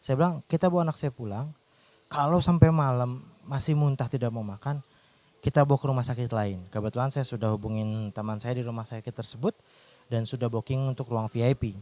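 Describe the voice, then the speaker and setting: A man's voice: medium pitch, fairly even intonation, brisk, a little mellow. A man, a doctor, telling a personal faith testimony in an earnest storytelling way, with restarts.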